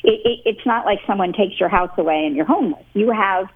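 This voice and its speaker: A woman's voice: mid-range voice, brisk, breathy edge. A woman interview guest speaking conversationally and emphatically over a narrow phone line. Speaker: interview guest, author and communications executive.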